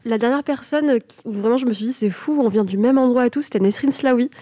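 A woman's voice: on the high side, fast talker, mellow, no echo, studio quality. A French woman co-hosting a podcast, chatting casually and enthusiastically with frequent hesitations. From France. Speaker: podcast co-host.

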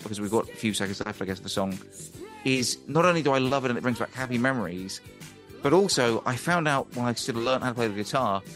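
A man's voice: medium pitch, a bit bright. A man telling a rambling, chatty story as a podcast guest, laughing often. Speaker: guest musician and ukulele teacher. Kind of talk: casual storytelling.

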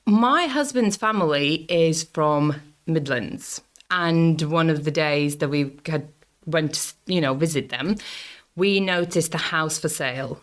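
Animated Latvian-born woman telling her story. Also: unhurried. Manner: animated storyteller, lively pitch swings when quoting herself. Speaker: guest, antiques dealer. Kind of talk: conversational interview storytelling.

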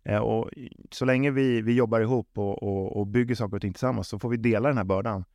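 A man's voice: fairly low pitch, steady tone, a little mellow, dry recording, clean studio sound. A man answering interview questions in a conversational way, often repeating and rephrasing words as he reasons things through. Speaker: football club sporting executive, interviewee.

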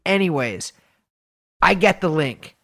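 Stuffy-nosed man bantering, slightly high voice. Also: animated, slow pace, sharp tone. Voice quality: nasal, stuffed-up nose. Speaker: podcast co-host. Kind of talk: casual comic podcast banter.

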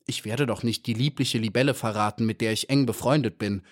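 A man's voice: mid-range voice, a little fast, natural voice. A man reading aloud, voicing a little young female bee who speaks timidly yet firmly.

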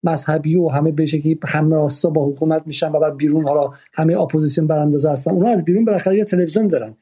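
A man moderates the discussion in a very dark, mellow voice with a husky edge. He talks thoughtfully and hesitantly, pausing often with fillers. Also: a little high, fairly even intonation. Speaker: host.

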